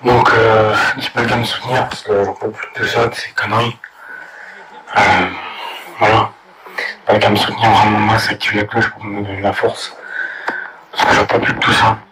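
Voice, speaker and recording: A man with a hoarse, sick voice rants at other gamers, crude and halting, with many hesitations. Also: lowish voice, level tone, noisy background. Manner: crude, halting, full of fillers. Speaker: gamer ranting to viewers. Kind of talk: angry video rant.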